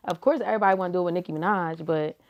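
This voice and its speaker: A woman's voice: fairly low pitch, rapid-fire, lo-fi sound. A young woman giving casual, slangy answers as an interview guest, laid-back and full of "like" and "you feel me". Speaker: rapper and reality TV personality, guest.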